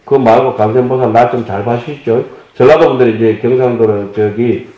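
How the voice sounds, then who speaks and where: A man's voice: mid-range voice, fairly even intonation, brisk. Man lecturing. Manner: explanatory, asks the audience questions, folksy humor. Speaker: Buddhist lecturer. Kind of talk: dharma lecture to a congregation. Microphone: table microphone. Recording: dull echoey hall audio.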